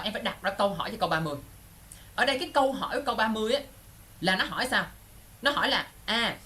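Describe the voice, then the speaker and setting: Teaching an English exam class online, a man speaks in a bright, forceful voice that sits high, over slight background noise. The lesson is lively, and he repeatedly checks with quick questions that students are following.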